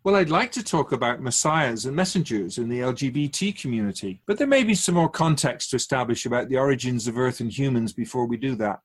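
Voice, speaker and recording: In a radio drama, a man voices a wise, otherworldly spirit, patient and gently teasing. He speaks in a measured, formal manner, posing musing questions. His mid-range voice is expressive and slightly rough.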